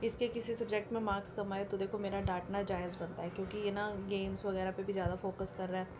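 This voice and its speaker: A woman's voice: medium pitch, level tone, fast talker, background noise. A middle-aged woman from India chatting casually to her viewers in a home vlog, talking about her son and cooking in her kitchen. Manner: chatty, addresses viewers directly as "bhai". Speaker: vlogger, mother.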